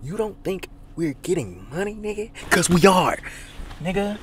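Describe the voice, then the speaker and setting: A young man vlogging around town on a handheld phone camera. His talk is laid-back and slangy, and his pitch jumps around a lot. There is a faint hiss behind him. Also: very animated, normal speed. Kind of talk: casual vlog chat. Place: out and about in a city, then a casino.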